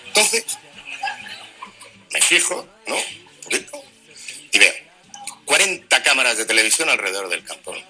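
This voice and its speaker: A man telling a stand-up comedy story, animated, with deadpan asides. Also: medium pitch, normal speed, long pauses, slightly rough, poor audio.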